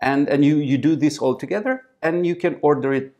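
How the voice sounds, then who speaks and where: A man's voice: on the high side, a little mellow, highs cut off. A man, answering interview questions in English as a startup founder, with frequent restarts and fillers, recorded seated in a small conference room. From Romania. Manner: halting, frequent restarts and fillers, gestures while talking.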